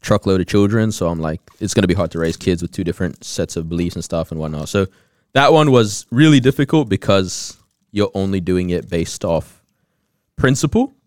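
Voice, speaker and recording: A man's voice: low-pitched, lively intonation, a little fast, darkish tone, dry recording, clean studio sound. A young man talking informally and candidly with friends as a panelist in a casual chat. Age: young adult. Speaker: podcast panelist.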